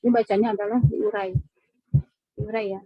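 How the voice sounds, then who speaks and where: A woman's voice: medium pitch, little pitch movement, moderate pace, breathy edge, no room sound, highs cut off. A woman teaching a tajwid lesson in a mosque class, patient and repetitive, often checking in with her listeners. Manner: patient, repeats points with frequent "ya" checks. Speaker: Quran recitation teacher.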